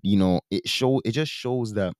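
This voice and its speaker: Low, mellow man with Toronto slang accent. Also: moderate pace, no echo, clean studio sound. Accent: Toronto, with Caribbean-influenced slang. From Toronto, Canada. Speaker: commentary video host. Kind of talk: casual opinionated commentary.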